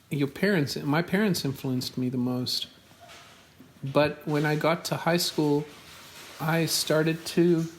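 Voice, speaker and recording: South african guy in his 40s talking real slow, careful answers. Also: fairly high pitch, slight background noise. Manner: slow, careful, spells words out. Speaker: podcast host being interviewed by his daughter. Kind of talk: casual interview answers.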